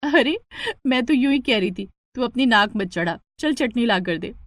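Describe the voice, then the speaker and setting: A woman's voice: on the high side, lively intonation, moderate pace, no echo, studio quality, natural voice. Geeta: teasing elder sister, a woman voicing her. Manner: bantering, affectionate. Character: teasing, cheerful married older sister. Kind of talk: storybook narration.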